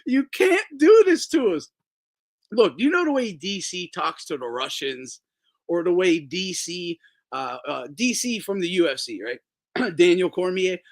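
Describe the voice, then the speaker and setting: A man with a high voice that swings widely in pitch, chatting casually as host of a boxing show. He swears freely, laughs a lot and slips into impressions of other people as he talks. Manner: animated, profane, laughs often and mimics people. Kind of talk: casual chat.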